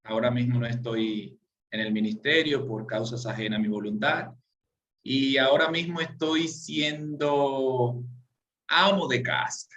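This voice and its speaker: A former pastor introducing himself politely to an online class. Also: male voice, mid-range voice, unhurried, a bit bright, lo-fi sound. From Dominican Republic. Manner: polite, self-correcting.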